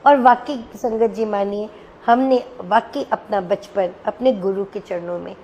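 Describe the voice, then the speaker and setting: A woman's voice: mid-range voice, measured pace, a little mellow, a little hiss or hum, low-quality recording. An older woman, telling a personal devotional story to a gathering and acting out the dialogue with feeling.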